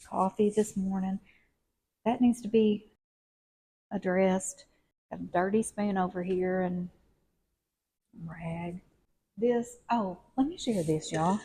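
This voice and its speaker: A woman's voice: medium pitch, mellow. A woman, chatting in a rambling, folksy home vlog. She talks straight to her viewers as y'all. She is recorded indoors at home on a clip-on mic. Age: 50s. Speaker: lifestyle vlogger. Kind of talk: casual home vlog chat. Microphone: wired clip-on mic.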